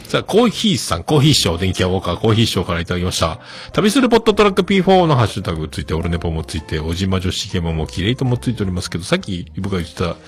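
A middle-aged man with a low voice that swings widely in pitch, hosting a casual solo podcast. He chats and reads listener messages, laughing often. Soft music plays faintly underneath. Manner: chatty, laughs often, swoops up into high falsetto when demonstrating singing.

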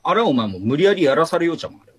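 A man in his late forties from Fukuoka with a Hakata dialect accent, trading brash, rough-mouthed jabs with an old friend over a video call. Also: on the high side, very animated, rapid-fire, crowd noise. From Fukuoka, Japan. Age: late 40s. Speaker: co-host. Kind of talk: casual banter between old friends.

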